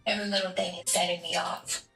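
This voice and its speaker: A woman speaking in character during a game roleplay, emotional and apologetic, halting and restarting as she talks. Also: lowish voice, level tone, creaky, sharp tone, echoey room, recorded from a distance, faint music behind, rough recording. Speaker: roleplay gamer.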